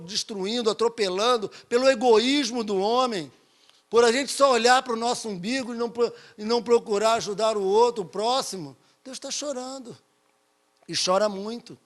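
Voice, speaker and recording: A man preaches with fervor. He fires off rhetorical questions and repeats his key phrases for emphasis. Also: sits high. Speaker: pastor. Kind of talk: sermon.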